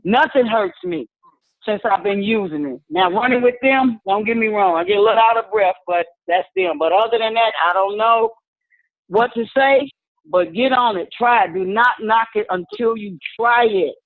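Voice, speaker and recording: A woman's voice: mid-range voice, normal speed, no echo. An older woman caller telling her story in a chatty way and acting out what people said. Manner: chatty, storytelling, acts out quotes. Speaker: caller giving a testimony. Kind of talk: casual spoken testimony. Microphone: phone call into a video meeting. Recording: dry tinny phone line.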